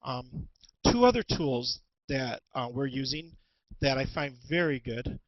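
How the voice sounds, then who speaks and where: A man presenting an instructional webinar as a teacher, talking through tools in a halting way with many ums and restarts, on a headset. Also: medium pitch, expressive, dry recording, muffled recording. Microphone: headset with headphones.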